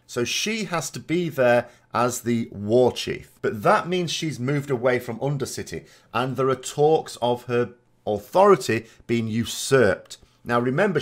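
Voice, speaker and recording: A man narrating a video of game lore commentary, explaining things in a measured, emphatic way. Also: medium pitch.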